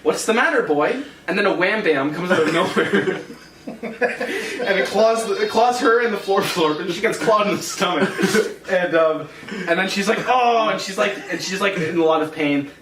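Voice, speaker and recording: A man's voice: high voice, moderate pace, crowd noise. A young man hosting, casually reading his own comedy script with lots of giggles and rambling restarts, in an echoey room. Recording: echoey room mic from far off.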